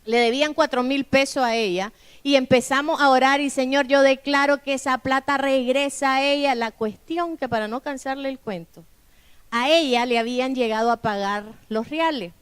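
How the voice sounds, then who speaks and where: Middle-aged woman pastor, high clear voice, testimony sermon with acted-out dialogue. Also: normal speed.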